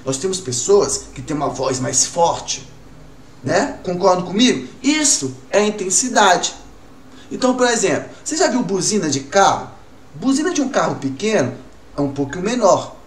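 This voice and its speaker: A man teaching a recorded music class to children, asking questions and answering them himself in a lively way. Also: sits high, moderate pace, far from the mic. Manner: lively, talks to pupils as "gurizada", asks and answers his own questions. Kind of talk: recorded online class for kids. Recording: roomy, from off-mic, faint room noise.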